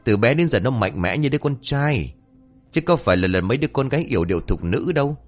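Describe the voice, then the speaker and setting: A man's voice: mid-range voice, lively intonation, fast talker, faint music behind, voice pushed up, natural voice. A man voicing a stubborn, arrogant middle-aged father who dismisses complaints. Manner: dismissive, blustering.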